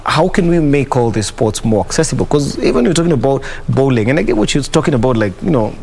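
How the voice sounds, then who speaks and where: A man from Kenya hosts a sports talk show, pressing his co-host with hesitant, probing questions and plenty of "you know". His voice is mid-pitched, with faint noise in the background of the studio recording. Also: big pitch swings, fast talker, vocal fry, darkish tone. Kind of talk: studio discussion.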